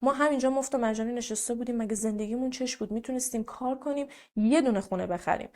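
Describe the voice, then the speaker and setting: A woman's voice: on the high side, darkish tone, natural voice. A woman voicing a worn-out middle-aged husband who reasons with his wife, patient at first and then bitter. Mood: exasperated. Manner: pleading, exasperated reasoning.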